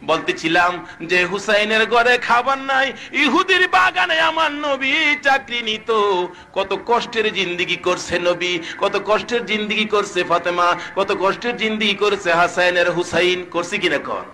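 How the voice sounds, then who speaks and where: Fiery high-voiced preacher. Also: male voice, normal speed. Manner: fiery, chanting, asks the crowd questions; shouts sung climaxes, drops to soft storytelling. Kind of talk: Bengali waz sermon.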